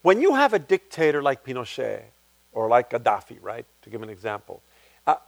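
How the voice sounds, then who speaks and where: A playwright, appearing as guest speaker at a public talk, answers audience questions reflectively, restarting his sentences often with animated pitch swings. His voice is creaky and a little fast, with no echo.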